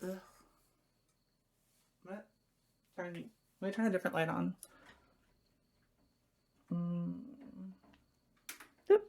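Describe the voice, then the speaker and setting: Creaky-voiced young woman streamer chatting. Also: on the low side, fairly even intonation, extremely slow, pauses often, warm tone. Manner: rambling, chatty, talking to viewers while fiddling. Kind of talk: casual live-stream chat.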